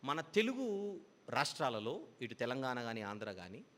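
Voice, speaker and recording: A man's voice: mid-range voice, big pitch swings, moderate pace, a bit bright, big-room sound. A man preaching a Bible teaching sermon, explaining patiently with repeated parallel phrases.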